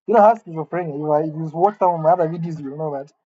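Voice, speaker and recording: Talking very fast in a warm, fairly high-pitched voice, a man in his late twenties delivers a solo monologue to the camera from an empty room. The vlogger's musings are wry, rambling and self-mocking, and the recording is muffled.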